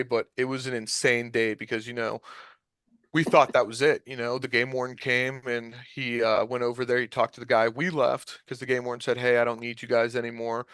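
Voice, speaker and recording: A man's voice: mid-range voice, a bit bright, no room sound. A man in his twenties, a guest on a podcast, telling a hunting story in a casual, rambling way with lots of fillers. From Ohio. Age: 20s. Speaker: podcast guest, deer recovery drone operator.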